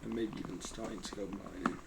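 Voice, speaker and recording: A gaming channel host gives casual, rambling gameplay commentary, thinking aloud and hesitating as he goes. He is losing his voice and coughing, and his fairly low, steady voice moves fairly quickly. The recording is very noisy.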